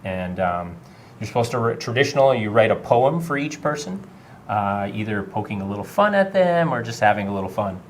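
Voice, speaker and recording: A middle-aged man from Vermont, a high school technology teacher, answering interview questions casually with many filler sounds. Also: animated, fairly quick, a little hiss or hum. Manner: friendly, many filler uhs.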